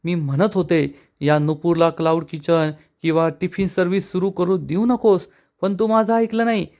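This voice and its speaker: A man doing a furious aunt who scolds and accuses without pause. The voice is pushed up high and sharp for her. The rant is harsh and relentless. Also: fairly even intonation, dull audio. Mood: angry, accusing. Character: angry scolding middle-aged aunt, woman.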